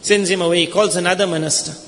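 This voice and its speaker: High-voiced South African preacher. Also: male voice, fairly even intonation, racing, fairly bright tone, a little hiss or hum. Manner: storytelling, acting out quoted lines with rising intensity. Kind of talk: sermon. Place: mosque. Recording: long hall reverb in a mosque.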